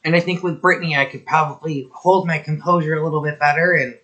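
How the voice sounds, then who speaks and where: A man's voice: on the high side, fairly even intonation, quick pace, bright, forceful tone, lo-fi sound. A young man co-hosting a podcast, chatting casually and telling a story with lots of fillers. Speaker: podcast co-host. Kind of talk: casual chat.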